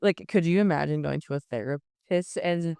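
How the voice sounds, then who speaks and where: A woman's voice: sits low, normal speed, creaky, warm tone, clear, resonant tone, no echo. A young woman from Utah chatting on a podcast, blunt and joking, swearing casually. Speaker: podcast co-host. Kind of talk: casual chat.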